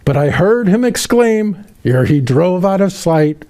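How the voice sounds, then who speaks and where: Heavily acted and high-pitched, a man plays a jolly, kindly elderly Santa Claus. He reads a Christmas poem for children slowly and expressively, in a warm storytelling mood.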